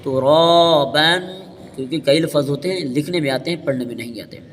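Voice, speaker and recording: A man teaching Quran reading in an Urdu accent, spelling out each letter with its vowel mark and then joining the syllables into a drawn-out word. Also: on the high side, fairly bright tone. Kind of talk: slow spelling-out recitation lesson. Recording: hall reverb with faint noise.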